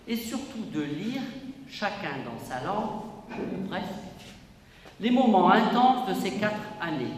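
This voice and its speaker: A man, president of a local history society, giving a formal inauguration speech with emphatic, declamatory delivery in an exhibition hall. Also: high voice. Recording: echoey hall, voice from a distance, faint room noise.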